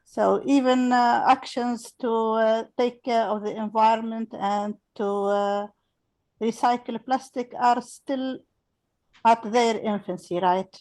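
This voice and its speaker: A woman in her fifties from Tunisia, an English teacher speaking slowly and earnestly on a video call, with many hesitations. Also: a little high, steady tone, darkish tone, low-quality recording. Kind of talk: casual talk on a video call.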